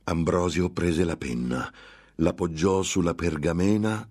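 A man narrating a gothic novel in a grave, measured dramatic reading. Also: deep voice, darkish tone, slightly rough. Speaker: audiobook narrator.

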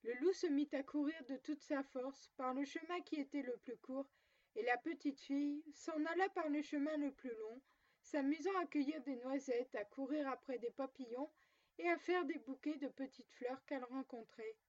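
A woman narrating a classic fairy tale in a clear, measured reading voice. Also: high voice, darkish tone. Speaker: storyteller. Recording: dull lo-fi recording.

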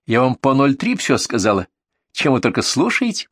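A man voicing a spiteful, shrill female neighbor who mocks and shrieks sarcastically, with a dry sound. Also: big pitch swings, normal speed, a bit bright, slightly rough, no room sound.

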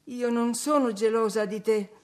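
A woman reading aloud voices a commanding, quick-tempered young mistress of the house, sharp and scolding. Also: fairly high pitch, fairly even intonation, pitched above the performer's own voice, natural voice. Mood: insistent.

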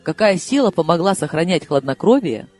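A man reading a novel aloud in expressive first-person narration. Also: sits high, a little fast. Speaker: audiobook reader. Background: soft background music.

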